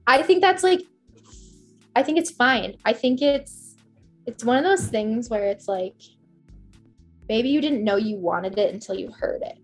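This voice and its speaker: A woman in her twenties, guesting on a podcast, rambles through casual chat with heavy use of "like." Her voice is fairly high with lively intonation, unhurried with long pauses, over soft background music.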